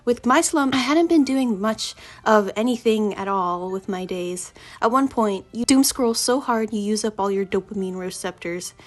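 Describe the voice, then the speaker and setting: A woman's voice: medium pitch, normal speed, hardly any pauses. A young woman with a stuffy, congested voice from allergies, chatting earnestly through a casual book review vlog. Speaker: book vlogger.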